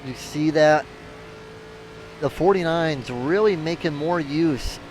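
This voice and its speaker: A man giving live race commentary in a chatty, excitable way that turns analytical. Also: a little high, slow pace, slight background noise. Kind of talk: live sim racing commentary.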